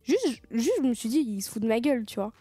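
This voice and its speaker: Young woman streaming, high mellow voice, dry sound, chatty and swears a lot. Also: sing-song, fast, breathy edge, no echo, faint music behind. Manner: chatty, swearing, thanking viewers. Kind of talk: casual live-stream chat.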